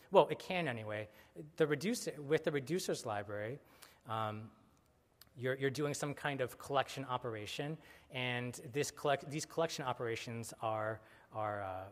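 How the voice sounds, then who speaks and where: Casual man lecturing in a reverberant hall. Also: medium pitch. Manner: casual, many fillers and self-corrections. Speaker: conference speaker. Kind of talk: technical conference talk. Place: conference hall.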